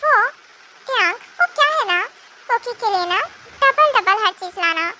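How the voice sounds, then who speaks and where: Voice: very high-pitched, animated, moderate pace. A fan dubber voicing a moody, childish pregnant young wife who whines and speaks of herself in the third person. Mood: sweet. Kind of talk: amateur fan dub. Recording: noisy home recording.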